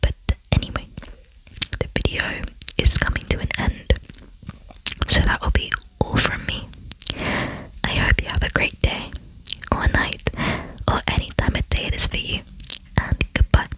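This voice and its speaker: An ASMR channel host whispering softly while talking through gameplay, rambling and chatty with frequent fillers and self-deprecating asides. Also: measured pace, pauses often, low-quality recording.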